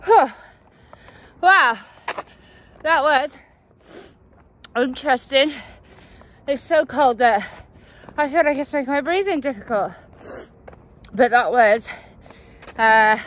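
A woman's voice: on the high side, slow pace, long pauses, fairly bright tone. A woman vlogging outdoors on a cold night, chatty and rambling, out of breath after running, on a handheld phone. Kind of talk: casual vlog while running.

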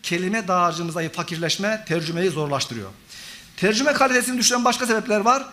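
Fast and animated, a middle-aged professor delivers a conference talk in a hall in a high, pushed, bright voice. He addresses the audience as friends and lectures through a string of examples and synonyms.

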